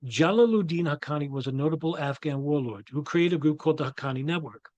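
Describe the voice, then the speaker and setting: A man with a New York accent talks through his thoughts in a loose, rambling monologue, often stopping and restarting mid-phrase. His voice sits a little high for a man. It is recorded close and dry, with no room sound. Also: fast talker, darkish tone, dry recording. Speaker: commentator. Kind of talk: casual monologue.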